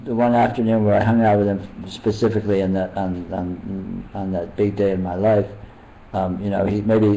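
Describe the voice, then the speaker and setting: Older man rambling gently, low mellow voice. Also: creaky, poor audio. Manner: rambling, halting, many restarts. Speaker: meditation teacher. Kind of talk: casual retreat talk.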